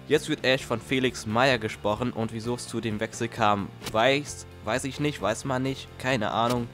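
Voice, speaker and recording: A young male YouTube host delivers a casual, flippant video commentary full of jokes. His voice is medium-pitched and fairly bright, with guitar music playing in the background.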